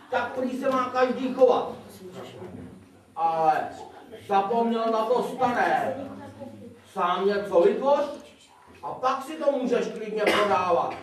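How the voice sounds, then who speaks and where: A man's voice: sits high, fairly bright tone. A man voicing a mournful, whiny water goblin puppet with a plaintive, lamenting delivery for children's puppet theatre. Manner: lamenting, plaintive, croaking interjections. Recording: echoey theatre, distant mic, faint noise.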